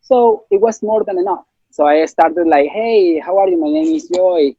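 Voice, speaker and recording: A man's voice: high voice, moderate pace, mellow, breathy edge, no echo, dull audio. A man from Ecuador with a Spanish accent, speaking casually as an interview guest with many fillers and restarts.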